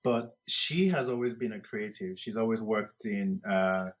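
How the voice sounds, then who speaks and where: A man's voice: on the low side, a little slow. A man from Nigeria talking casually as a guest in an interview over an internet call. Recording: slightly dull internet call audio.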